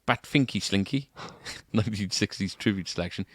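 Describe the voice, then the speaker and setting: A man's voice: on the low side, normal speed, dry recording, studio quality. A man co-hosting a shop podcast, chatting casually and often ending remarks with tag questions. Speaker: podcast co-host at a guitar shop. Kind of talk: casual chat. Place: shop, indoors.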